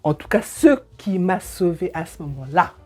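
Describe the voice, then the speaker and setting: A middle-aged woman, a divorce coach telling her own story and advising the listener in a colloquial, expressive way. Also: fairly low pitch, moderate pace, faint music behind. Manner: expressive, colloquial, acts out scenes. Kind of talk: personal story and advice to viewer.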